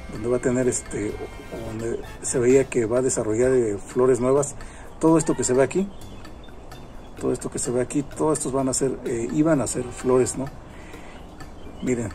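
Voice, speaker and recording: Mellow-voiced man teaching gardening outdoors. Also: medium pitch. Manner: chatty, repeats himself, many fillers. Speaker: gardening channel host. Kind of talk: casual gardening tutorial. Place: outdoor garden among plants.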